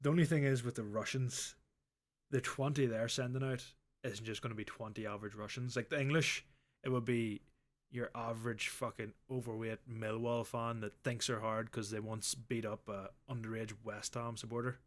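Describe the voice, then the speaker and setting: A man co-hosts a comedy podcast, riffing on his partner's stories with crude jokes and a lot of swearing. His voice is mid-pitched and plain. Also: steady tone, normal speed. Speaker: co-host. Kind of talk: comedic radio-style podcast banter.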